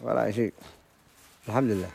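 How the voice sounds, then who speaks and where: A man's voice: on the low side, fairly quick, gravelly, darkish tone. A Yemeni man being interviewed at an outdoor market, giving short, repetitive answers. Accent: Yemeni Arabic. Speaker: guest.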